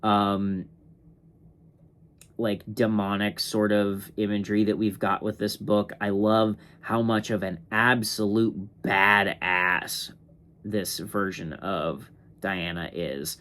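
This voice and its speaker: A man's voice: on the low side, a bit bright. A sleepy young man reviewing comics in a casual, rambling way, with lots of fillers and restarts. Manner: slow, rambling, filler-heavy. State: sleepy, yawning. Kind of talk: casual ranking monologue.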